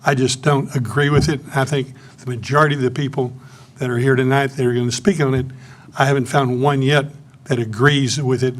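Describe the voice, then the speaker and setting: A man in his eighties with a Central Texas accent, speaking bluntly and plainly during public comment at a city council meeting, into a podium microphone. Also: mid-range voice. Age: 80s.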